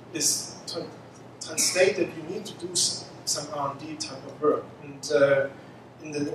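A man with a slightly high voice, a mission scientist sitting on a conference panel, speaks haltingly with many fillers and restarts. He uses a handheld mic in an indoor conference room, but the audio is noisy, picked up from far off in an echoey hall.

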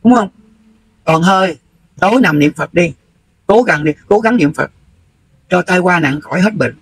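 A man's voice: sits high, expressive, normal speed, husky, rough recording. A middle-aged man with a Southern Vietnamese accent, delivering a heated, confrontational livestream rant and scolding someone bluntly. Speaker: livestream host.

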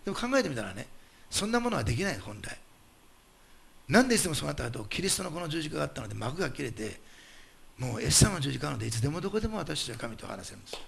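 A male pastor delivering a sermon, emphatic and animated, putting rhetorical questions to the congregation. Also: fairly high pitch, very fast, vocal fry, a little hiss or hum.

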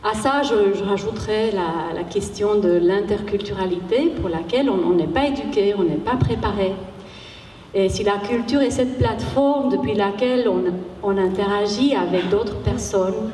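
A middle-aged woman speaking on a panel in halting, measured phrases. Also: mid-range voice, dark tone. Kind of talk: unscripted panel talk. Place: large warehouse hall with seated audience. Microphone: handheld microphone. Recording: echoey hall, distant, background noise.

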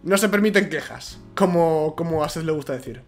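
A man's voice: on the high side, a little fast, soft background music, natural voice. A man reading as a bossy caring puppet girl.

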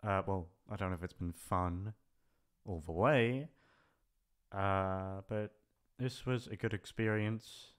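This voice actor and audio channel creator talks low and slow, leaving long pauses, his tone clean. Without a script, he rambles through a casual farewell vlog, hesitant and self-deprecating, working out his thoughts out loud.

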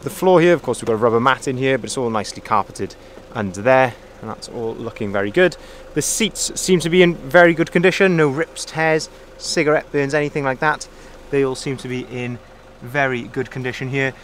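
A man, a car salesman, walking around a used pickup outdoors and calmly pointing out its features. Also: mid-range voice, a little fast, a little hiss or hum. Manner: friendly, methodical, repeats phrases. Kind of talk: walkaround vehicle review. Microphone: handheld phone camera, filming himself off-screen.

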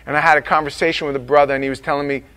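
With a fairly high, level voice, the male pastor preaches his sermon, turning hushed and unhurried in prayer and booming with emphasis on his warnings.

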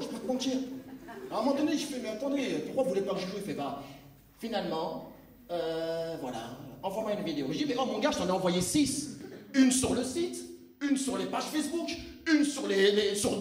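Animated French stand-up comic in a hall. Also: male voice, high voice, recorded from a distance. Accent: Lyon street French. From France. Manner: animated, acts out characters, shouts punchlines. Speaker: stand-up comedian. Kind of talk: stand-up storytelling. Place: large theatre stage with live audience. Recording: roomy hall, mic heard from afar, audience.

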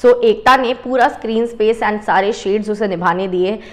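A young woman hosts an entertainment news bulletin in a chatty, conversational way. She keeps dropping English phrases into her talk. Her pitch sits right in the middle for a woman. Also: normal speed. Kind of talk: scripted entertainment news narration.

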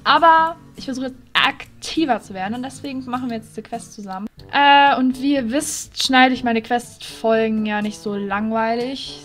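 A woman's voice: on the high side, fairly bright tone. A woman giving casual let's-play commentary as a YouTuber, chatty and giggly, tossing in English phrases as she reads quest dialogue. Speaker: YouTuber playing a horse-riding game.

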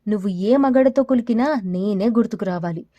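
A woman's voice: mid-range voice, fairly quick, mellow, dry recording, lo-fi sound, close to an everyday voice. Cruel taunting male thug read by a woman storyteller, sneering, audio story, darkish tone, dry close sound. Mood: menacing.

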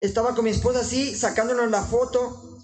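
A man preaching informally in an earnest, exhorting way, often halting and restarting his sentences. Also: very high-pitched, level tone, low-quality recording.

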